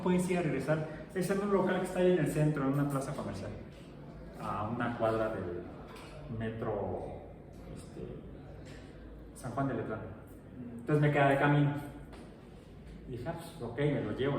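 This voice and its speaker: Chatty Mexican teacher in echoey classroom. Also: male voice, mid-range voice. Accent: Mexican Spanish. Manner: chatty, digressive storytelling. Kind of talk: classroom lecture with anecdotes. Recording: roomy echo, distant mic, faint noise.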